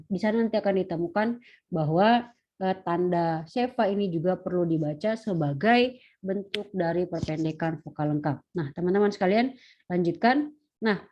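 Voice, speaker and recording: A woman lecturer teaches an online lesson in a patient, step-by-step way, slowing down to sound out each word. Her voice sits in a middle pitch. The audio is dull and lo-fi. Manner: patient, explains step by step, slows to sound out words.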